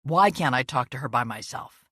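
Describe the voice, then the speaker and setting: A man's voice: medium pitch, animated, normal speed, bright, forceful tone, husky, no echo, studio quality, voice pushed down. A woman narrator voicing a frustrated, restless husband who snaps defensively in an audiobook. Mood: snapping. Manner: snappish, defensive.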